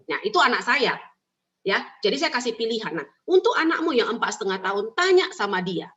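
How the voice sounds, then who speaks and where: A woman giving parenting advice in an emphatic, animated way, repeating her key points. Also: a little high, fairly quick. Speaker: parenting speaker. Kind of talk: advice talk answering questions. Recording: muffled lo-fi recording.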